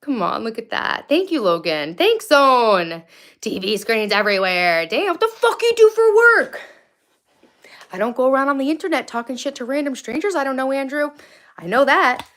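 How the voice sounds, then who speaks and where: A woman's voice: a little high, animated, moderate pace, a bit bright. A woman live streamer chatting casually from home on a phone, blunt and easily sidetracked as she talks to viewers. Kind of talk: casual rambling chat with viewers. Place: indoors at home, moving between rooms. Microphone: phone, moving around. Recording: faint background noise.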